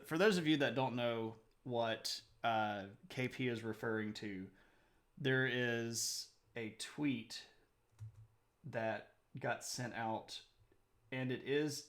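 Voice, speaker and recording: A man's voice: medium pitch, a bit bright. A man hosting a live stream, chatting casually with viewers, answering their messages aloud and laughing often. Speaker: livestream host.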